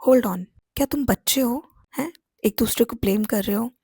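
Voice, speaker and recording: A proud, wounded young man snaps back defensively, voiced by a woman narrating the story. The voice is fairly high with a dark, gravelly texture. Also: normal speed, no echo, clean studio sound.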